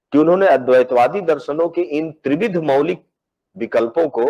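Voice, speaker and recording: A philosophy professor's measured lecture proceeds step by step, with frequent repeated words as he searches for phrasing and English technical terms mixed in. His voice is medium-pitched and darkish, and the sound is lo-fi.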